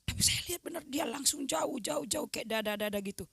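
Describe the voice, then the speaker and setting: A woman preacher delivers a sermon mixed with personal testimony, her fairly high, bright voice recorded close and dry. She slips between hushed, near-whispered moments and loud, emphatic declarations. She acts out remembered dialogue in a chatty, way. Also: brisk, gravelly, husky, no room sound. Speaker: evangelist preacher.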